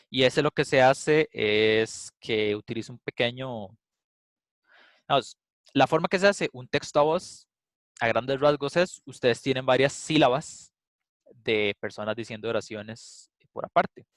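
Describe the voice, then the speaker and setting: An instructor with a medium-pitched voice gives a casual, explanatory class lecture with a live demo, recorded without echo. He thinks aloud and uses frequent "eh" fillers.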